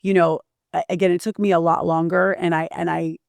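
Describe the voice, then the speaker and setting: A woman hosting an interview, telling a personal story in an animated way with frequent restarts. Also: on the low side, brisk, gravelly, no echo. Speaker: podcast host. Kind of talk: casual interview chat.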